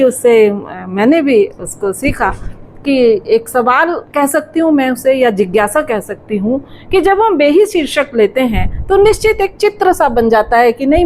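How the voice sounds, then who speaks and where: High-voiced woman moderating a literary talk. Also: darkish tone, slight background noise, low-quality recording. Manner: appreciative, thoughtful, speaks at length.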